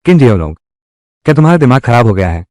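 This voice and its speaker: A man's voice: mid-range voice, sing-song, fast talker, darkish tone, dry recording, clean studio sound, lightly acted. A man dubbing a crude, bullying male debt collector in a Hindi drama, speaking in threatening, mocking bluster. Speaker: voice actor.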